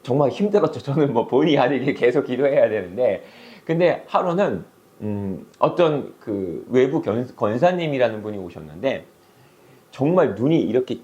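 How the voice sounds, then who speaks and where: A middle-aged male pastor preaching a sermon, telling a story with animated delivery and acted-out voices. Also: medium pitch, moderate pace, dull audio.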